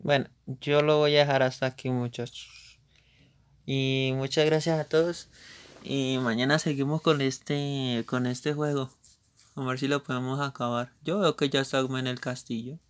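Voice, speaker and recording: A man's voice: mid-range voice, fairly even intonation, a little slow, clear, resonant tone. A man giving casual live commentary on a video game, reacting to scenes and talking to viewers at his computer mic. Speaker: livestreamer.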